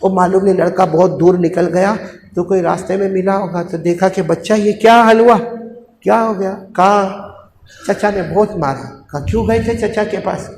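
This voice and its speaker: A man's voice: sits high, normal speed. Male preacher, emotive storytelling, big dynamic swings; echoey hall with faint noise. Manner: dramatic, swings from hushed to shouting.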